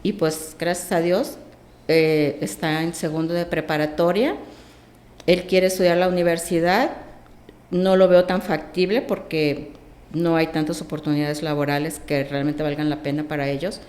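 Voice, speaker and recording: A woman, a podcast guest telling a personal story with lively acted-out dialogue. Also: low-pitched, moderate pace, reverberant. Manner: animated, acts out quoted dialogue.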